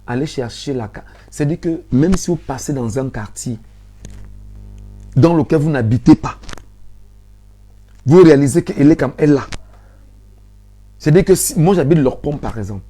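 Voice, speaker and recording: A man with a Cameroonian French accent hosting a live stream, speaking softly but insistently, repeating phrases as he pleads with viewers. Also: a little high, lively intonation, moderate pace, pauses often, husky. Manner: mostly soft-spoken, swelling to urgency.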